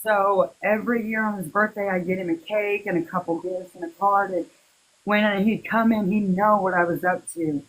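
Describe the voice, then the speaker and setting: A woman speaking as an interview guest, recalling personal matters in a halting, heartfelt, casual way. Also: mid-range voice, fairly even intonation, rough recording. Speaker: interview guest, victim's relative.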